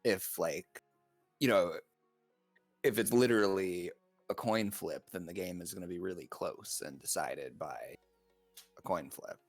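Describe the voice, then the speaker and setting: A very deep-voiced man breaking down an esports match as co-commentator, relaxed and analytical. His voice is gravelly, with faint music playing under it. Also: measured pace, long pauses. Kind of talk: live game commentary and analysis.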